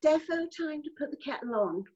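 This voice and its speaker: A woman's voice: high-pitched, animated, brisk, dark tone, highs cut off. A woman co-hosting an advice podcast, agreeing readily and making wry jokes. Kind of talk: casual chat.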